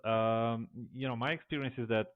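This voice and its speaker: A man's voice: medium pitch, fairly even intonation, moderate pace, smooth, no echo. A man from Poland, hosting the interview, asking questions with many stammered repeats. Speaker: podcast host. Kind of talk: casual interview conversation. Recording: tinny phone-like call line.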